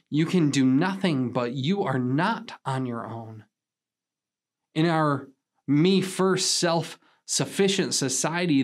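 A man pastor preaching a sermon in an earnest, measured way, with emphatic pauses. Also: mid-range voice.

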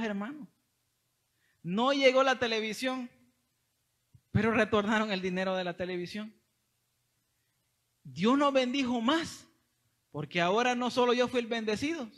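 A young man from El Salvador with a Salvadoran Spanish accent, telling a testimony in a sermon and often calling listeners brother. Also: sits high. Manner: animated storytelling, addresses listeners as brother. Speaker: preacher.

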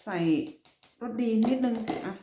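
Middle-aged woman from Thailand, casual cooking vlog, slow unhurried talk, halting English, echoey kitchen with steady noise. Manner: chatty, mixes halting English with Thai, stumbles over English words. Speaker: cooking vlogger. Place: home kitchen.

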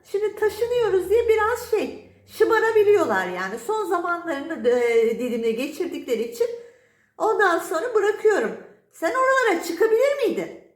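A woman's voice: very high voice, very animated, normal speed, reverberant. A woman talking to her pet cats at home in a playful, teasing, scolding baby-talk voice. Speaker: cat vlogger. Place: home, indoors.

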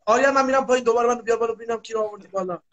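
A man's voice: very high voice, highs cut off, a loud crowd. A man on a live stream, mocking and insulting the others with crude banter. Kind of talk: heated live-stream argument.

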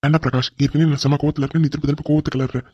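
A man's voice: a little high, little pitch movement, very fast, darkish tone, breathy edge, dry recording. A man voicing a hot-tempered, newly married young boss in a cartoon drama, snapping out his lines. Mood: angry. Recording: dull lo-fi recording.

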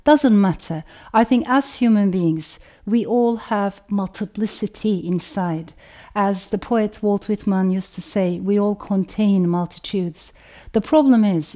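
A middle-aged woman with a Turkish accent, a novelist speaking reflectively about where she comes from, in a measured, thoughtful way. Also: mid-range voice, dark tone. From Turkey. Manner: measured, thoughtful, lists things in long chains. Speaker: novelist hosting her own channel. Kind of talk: reflective personal talk with a read passage.

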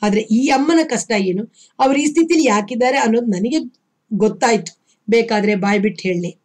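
A woman reading the part of a calm, gentle young male ascetic who gives measured, soothing advice. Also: on the high side, natural voice.

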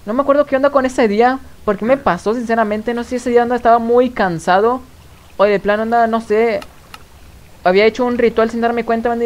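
A man's voice: extremely high pitch, darkish tone. A man chatting casually on a live stream, rambling and constantly tossing in the same filler word.

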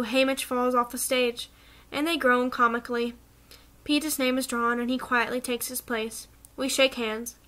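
A woman reading a novel aloud in steady, measured first-person narration. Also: high voice. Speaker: reader.

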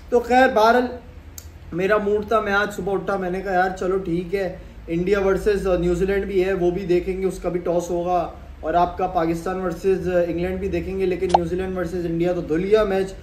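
A man's voice: sits high, darkish tone. A young man from Pakistan, chatting casually about cricket to camera from a sofa at home, talking with his hands. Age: young adult. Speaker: cricket vlogger. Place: sitting on a sofa in a small room at home. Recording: echoey room with faint background hum.

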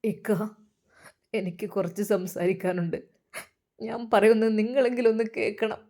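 A woman voicing a desperate young man who begs tearfully and softly in a storybook tale. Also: mid-range voice, normal speed, close to an everyday voice. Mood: tearful pleading. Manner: soft, tearful begging.

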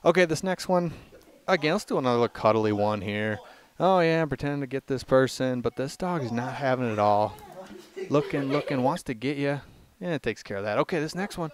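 A man's voice: medium pitch, expressive, fairly quick. A man giving casual, joking voiceover commentary on a video compilation, often breaking off and restarting his sentences. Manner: casual, joking, self-interrupting. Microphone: voice-over.

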